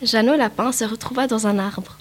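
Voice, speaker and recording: A woman's voice: on the high side, normal speed. Woman reading a picture book aloud. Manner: careful reading with small slips. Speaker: narrator. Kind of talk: storybook read-aloud.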